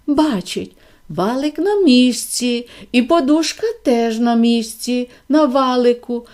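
A woman narrates a fairy tale in a gentle, expressive storyteller's voice. She sits fairly high in pitch and takes her time over every phrase.

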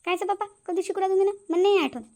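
A woman's voice: very high-pitched, steady tone, racing, dark tone. A woman voicing a quarrelsome middle-aged mother-in-law in a cartoon, nagging and accusing. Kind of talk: cartoon voice acting.

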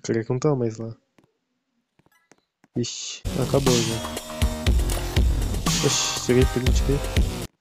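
A man with a Brazilian accent giving casual gameplay commentary, full of excitable exclamations and chuckles. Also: medium pitch, takes it slowly, vocal fry, long pauses, faint music behind. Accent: Brazilian Portuguese. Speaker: gaming streamer.

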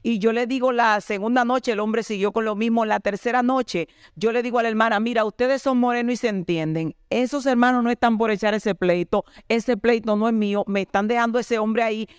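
Woman, pastor, animated storytelling, high voice, smooth and clear, dry close sound. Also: brisk, no room sound. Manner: animated storyteller acting out dialogue. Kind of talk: testimony in an interview.

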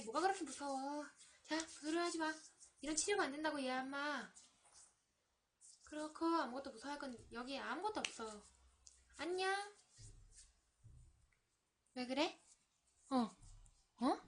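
A woman streamer playing a game live, reading the story text aloud and quietly murmuring to herself as she plays. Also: sits high, measured pace, long pauses, a little hiss or hum.

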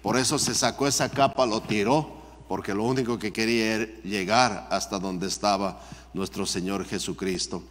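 Reverberant church pastor preaching. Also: male voice, steady tone, moderate pace, a little hiss or hum. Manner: reads scripture aloud, then comments, often addressing listeners as "hermano"; voice rises sharply in pitch and loudness when repeating the cry for mercy. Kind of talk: Bible study sermon. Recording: long church hall reverb.

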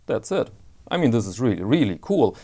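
A man's voice: mid-range voice, very animated, fairly quick, warm tone. A man giving a casual watch strap review, hesitant and often repeating words as he searches for them, with candid personal opinions.

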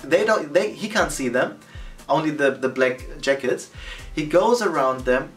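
A man in his thirties speaks animatedly to the camera in a studio, his voice sitting a little high. The mic is set back from him, and soft music plays underneath. He sounds casual and chatty, like a vlogger. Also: unhurried, recorded from a distance. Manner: animated, gesturing with both hands. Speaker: photography vlogger. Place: indoor studio against a plain backdrop.

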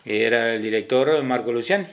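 A middle-aged man with an Argentine Spanish accent talks easily and fairly quickly at a medium pitch, like a hospital ambulance driver telling his story in a casual interview. He's hesitant, stopping and starting, repeating words and often adding tag questions to check in with his listener.

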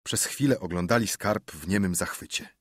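A man narrating an audiobook in a steady, measured storytelling manner, with a husky voice. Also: sits low, no echo, clean studio sound. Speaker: audiobook reader.

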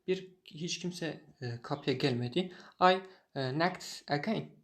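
Duraksayan erkek İngilizce öğretmeni. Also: male voice, fairly high pitch, fairly bright tone. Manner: halting, many filler sounds. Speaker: English teacher. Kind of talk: reading a story and translating line by line.

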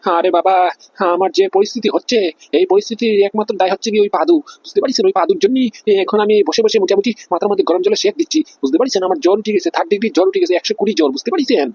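A man's voice: sits high, big pitch swings, very fast, darkish tone, breathy edge, dry recording, lo-fi sound, heavily acted. A man voicing a panicky, feverish male police officer who takes bribes, whining and flustered in a cartoon comedy. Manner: whiny, flustered, keeps asking "understand?".

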